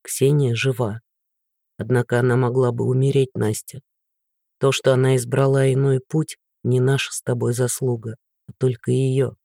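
A man's voice: mid-range voice, steady tone, normal speed, a little mellow, no echo, studio quality, pitched below the performer's own voice, close to an everyday voice. A man voicing a stern, weary middle-aged father who speaks in a hollow, bitter tone. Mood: grim.

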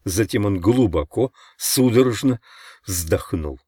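A man narrates an audiobook in a measured, dramatic reading. His voice sits low. The recording is dry and close, with no room sound. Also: expressive, mellow, no room sound. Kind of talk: scripted narration.

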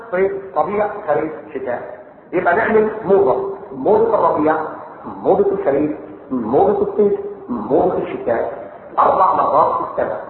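A man preaching in colloquial Egyptian Arabic, animated and mocking, acting out little dialogues with his audience. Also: sits high. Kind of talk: colloquial sermon. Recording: echoey hall, thin phone-like sound, faint noise.

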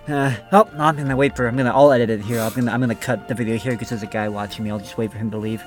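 A man's voice: mid-range voice, fairly even intonation, rapid-fire, soft background music. A man co-hosting a comedy podcast, rambling through a mocking, mock-dramatic bit in casual chat. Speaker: podcast co-host.

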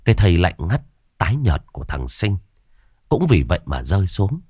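A man narrating a ghost story in a dramatic, lively storytelling manner. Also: low-pitched, moderate pace, husky, no echo.

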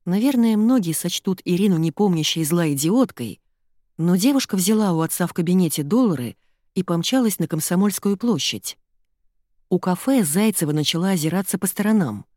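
A woman's voice: lowish voice, lively intonation, brisk, mellow, no echo, clean studio sound. A woman reading a novel aloud as an audiobook narrator, telling the story expressively. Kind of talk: scripted narration.

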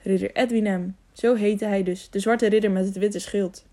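Hesitant young man as a woman reads him, polite, unsure, mellow tone, audiobook. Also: mid-range voice, steady tone, moderate pace, lightly acted. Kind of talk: audiobook character voice.

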